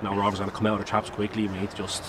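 A man's voice: fairly low pitch, monotone, rapid-fire. An Irish man interviewing a player after a match, asking chatty, rambling questions outdoors at a stadium at night. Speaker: club interviewer. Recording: outdoor traffic noise.

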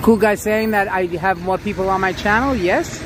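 A man with a Queens accent and a fairly high voice chats casually to livestream viewers, often repeating himself. He is outdoors on a city sidewalk, with clear traffic noise behind him. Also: normal speed. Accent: Queens New York. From Queens, New York City. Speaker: livestream host. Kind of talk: casual walking livestream chat. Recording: noisy city street with traffic. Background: street ambience and passing cars.

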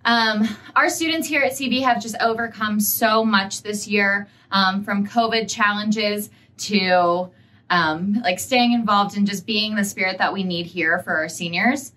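A woman's voice: mid-range voice, a little slow, pushed and bright. A young woman on the school staff, hosting a celebratory video message indoors and talking eagerly with many fillers. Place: indoor school room, seated side by side.

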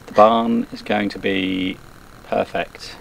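A man's voice: fairly low pitch, flat delivery, slow pace, vocal fry, a little hiss or hum, poor audio. A man in his thirties chatting dryly and wryly with his partner outdoors in overgrown countryside, a few steps from the camera. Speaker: vlogger's partner. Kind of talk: casual chat.

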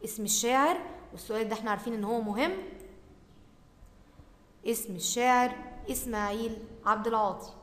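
A woman with an Egyptian accent teaches a primary class, her voice pitched high. She drags out example words slowly and then drops into quick explanations. The room is roomy and reverberant. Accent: Egyptian Arabic. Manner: slow, stretched repetition of words for pupils, then quick asides. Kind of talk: recorded Arabic grammar lesson. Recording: echoey room with long reverb.

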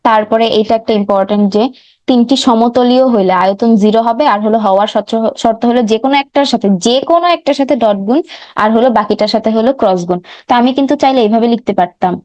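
A woman's voice: fairly high pitch, fast, darkish tone, dry recording. A young woman teaching an online recap lecture, walking through steps on a board and often correcting herself mid-sentence. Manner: talks through steps on a board, frequent self-corrections and fillers. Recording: slightly dull dry mic recording.

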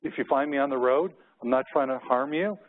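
Giving a keynote, a middle-aged American man alternates between business points and personal stories, talking a little fast in an average pitch. The narrow, phone-like recording resembles a conference room feed and has a bit of hiss or hum.

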